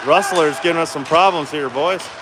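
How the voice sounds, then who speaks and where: A man's voice: a little high, moderate pace, crowd noise. Man calling hockey in an echoey rink. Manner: informal, colloquial, chatty with exclamations. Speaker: hockey play-by-play commentator. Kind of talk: casual live sports commentary. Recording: echoey noisy rink, ambient clatter. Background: clear rink noise and ambience.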